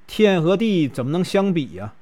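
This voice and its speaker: A man's voice: on the high side, big pitch swings, normal speed, darkish tone. A man voicing a coy, demure young married woman in a told story.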